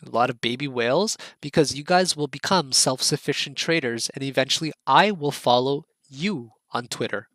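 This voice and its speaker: A man's voice: mid-range voice, normal speed, hardly any pauses, a bit bright, dry recording. A man teaching a casual online trading lesson, eager and coaxing, who keeps checking in with his viewers and repeats words and phrases as he goes. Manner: repeats words and phrases, restarts mid-sentence. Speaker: trading instructor.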